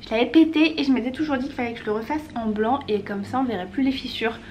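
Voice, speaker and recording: A woman casually talking through a home DIY project for her vlog, relaxed and chatty, with frequent small hesitations. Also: a little high, fast, slight background noise. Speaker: lifestyle vlogger. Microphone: compact camera mic.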